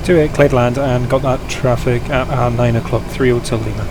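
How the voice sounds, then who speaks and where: A man's voice: medium pitch, fairly even intonation, normal speed. Give me a man acting as a pilot on simulated air traffic radio, speaking over a cockpit headset with terse, clipped readbacks.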